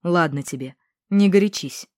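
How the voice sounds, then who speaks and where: Gruff, weary village headman, male, woman reader doing the voice low and quiet. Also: normal speed, no room sound, clean studio sound, close to an everyday voice.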